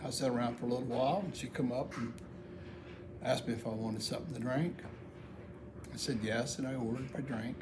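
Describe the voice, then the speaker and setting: An amateur video storyteller, a middle-aged or older American man, shares a personal story in a plain-spoken, folksy, casual monologue. His mid-range voice is steady and brisk, broken by long pauses, and background noise is clearly audible.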